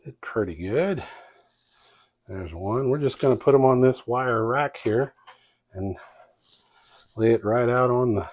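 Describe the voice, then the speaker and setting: In his home kitchen, a cooking channel host with a Midwestern American accent casually demonstrates how he cooks, talking in a folksy, hesitant way full of fillers. His mid-range voice is a little slow and a little mellow, with frequent pauses and the highs cut off.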